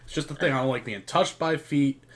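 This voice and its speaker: A man's voice: fairly high pitch, brisk, a loud crowd. A young man co-hosting a casual podcast, talking in a blunt, joking, profane way. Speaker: podcast co-host.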